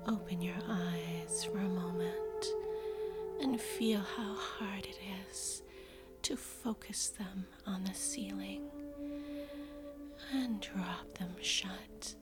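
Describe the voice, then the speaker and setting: A woman's voice: mid-range voice, big pitch swings, slow pace. A woman doing a whispered role-play of hypnosis, intimate and seductive, soothing commands breathed as if right into the listener's ear. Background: music with singing bowl tones.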